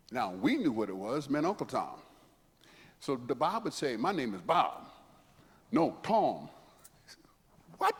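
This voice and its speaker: A man in his seventies, a guest speaker telling rambling, chuckling anecdotes with frequent asides in a church hall. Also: mid-range voice. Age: 70s. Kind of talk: anecdotal storytelling talk. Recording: long hall reverb, faint background noise.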